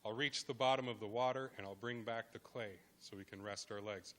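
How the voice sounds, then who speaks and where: Eager duck, guy voicing him, earnest and plain, bright tone. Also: fairly low pitch, steady tone, brisk, lightly acted. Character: eager male duck, good diver.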